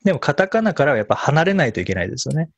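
A man talking casually in an interview about how he learned pronunciation, in a relaxed, storytelling way. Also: fairly high pitch, racing, creaky, slight background noise. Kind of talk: conversational interview.

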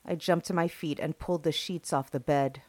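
A woman with a notably low voice narrates a first-person horror tale. Her delivery is slow and hushed, and it leans into suspense. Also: steady tone, no echo.

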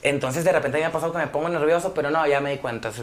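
A young man with a Mexican Spanish accent, a rapper chatting casually as a guest and telling slangy, animated stories. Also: a little high. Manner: animated, slangy, fast-riffing storyteller. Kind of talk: casual chat.

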